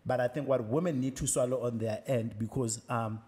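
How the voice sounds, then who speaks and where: A man's voice: mid-range voice, steady tone, a little fast, mellow, big-room sound. A man with a South African accent, speaking reflectively and persuasively as a podcast co-host in a casual panel talk. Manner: reflective, persuasive, mixes in Sesotho.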